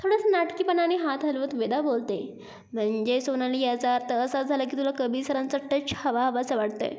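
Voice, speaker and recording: A woman voicing an excitable young female friend who gossips and reacts theatrically, dropping English phrases in. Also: high voice, normal speed, lightly acted. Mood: excited.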